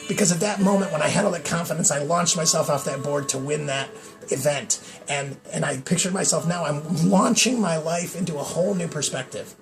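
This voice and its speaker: A man's voice: fairly high pitch, creaky. A man from New York telling a personal story to camera on his vlog, earnest and emphatic. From New York, USA. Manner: earnest, emphatic, repeats "I'll tell you". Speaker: vlog host.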